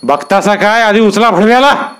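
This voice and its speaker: A man voicing a domineering, brutal village strongman with harsh, bullying shouts, pitched well above his narrating voice. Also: moderate pace, clear, resonant tone, close to an everyday voice. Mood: menacing.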